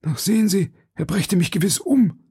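A man's voice: high-pitched, animated, moderate pace, warm tone, breathy edge, no room sound, studio quality, pitched above the performer's own voice, exaggerated voice. A man voicing an anxious, deferential innkeeper in an audiobook reading, with a fretful, servile manner. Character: anxious, deferential male innkeeper, middle-aged.

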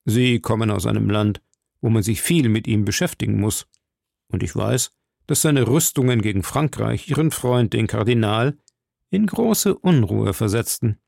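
A man playing a coldly mocking aristocratic lord who speaks in a smooth, measured and sneering way. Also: fairly low pitch, expressive, darkish tone, no room sound, studio quality.

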